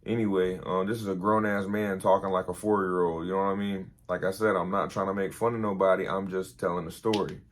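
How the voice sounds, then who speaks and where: Brief: young army veteran vlogger, low-pitched, tired and rambling. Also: male voice, flat delivery, a little fast, hardly any pauses. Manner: laid-back, rambling with many fillers. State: tired, early morning. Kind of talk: casual storytelling.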